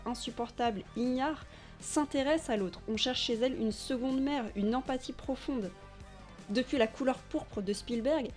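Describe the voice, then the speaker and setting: Woman from France, voice-over narration, slightly high voice, measured and emphatic, soft music underneath. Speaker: narrator of a video essay. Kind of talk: scripted documentary narration.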